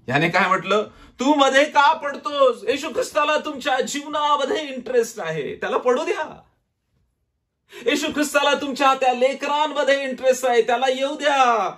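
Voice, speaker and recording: A male pastor with a Marathi accent preaching a sermon dramatically, often dropping to a low, quiet voice.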